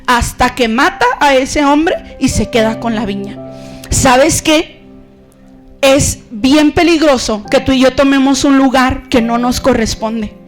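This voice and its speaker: Woman pastor, conversational sermon, high voice, faint music behind. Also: a little slow. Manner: animated, conversational, acts out stories.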